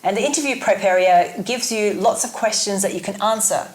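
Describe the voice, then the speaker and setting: A woman's voice: mid-range voice, brisk, roomy sound, poor audio. A woman co-hosting a casual advice chat, talkative and self-teasing, laughing often and circling back as she explains. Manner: explains in looping restarts. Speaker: co-host.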